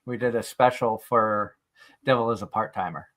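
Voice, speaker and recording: A man's voice: on the low side, normal speed, a bit bright. A man hosting a live stream in casual chat, reading out comments from viewers. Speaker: stream show host.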